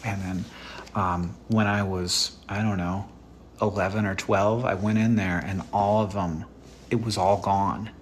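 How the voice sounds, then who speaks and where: A young adult man telling a story in a casual, deadpan way, swearing freely. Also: low voice, a little slow, slight background noise. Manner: deadpan and profane.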